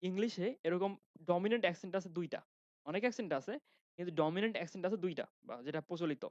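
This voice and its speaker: This young adult grammar instructor speaks quickly in a high voice and a Khulna Bangla accent. He lectures in a chatty way, quizzing students and starting sentences over. The audio is dry, slightly dull, and free of room sound.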